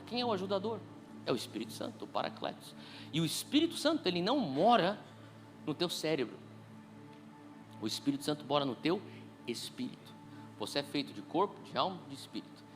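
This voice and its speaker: A man's voice: on the high side, a bit bright. A man preaching a sermon, telling a family story and acting out the dialogue with big voice swings. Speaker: pastor.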